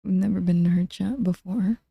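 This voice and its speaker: A woman streamer chatting casually with her live chat in a soft, low-key way. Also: fairly even intonation, a little fast, vocal fry, breathy edge, no echo, dull audio.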